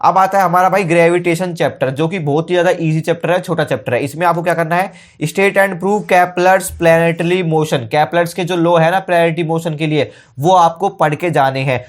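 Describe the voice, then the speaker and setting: Brisk, quick-talking man giving exam tips. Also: fairly high pitch, steady tone. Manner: brisk, informal, keeps saying brother and okay. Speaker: teacher.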